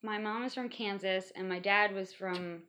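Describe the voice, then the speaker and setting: A woman's voice: mid-range voice, fairly even intonation, normal speed, pushed and bright. A woman in her thirties from Iowa, a guest in a casual interview, chatty and playful, laughing often.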